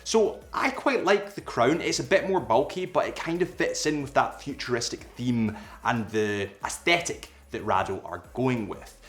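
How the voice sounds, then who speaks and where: Reviewing a watch to camera, a young man with a cold speaks at a medium pitch, slightly nasal and a bit bright, with lively intonation, a moderate pace and few pauses. He's casual and somewhat rambling, tossing in self-aware asides.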